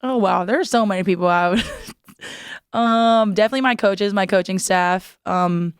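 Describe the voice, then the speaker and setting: A woman's voice: mid-range voice, normal speed, smooth, no room sound, clean studio sound. A young woman, a volleyball player, chatting as a guest in an interview, with many "like" fillers and frequent laughs. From United States. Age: young adult. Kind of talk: casual interview chat.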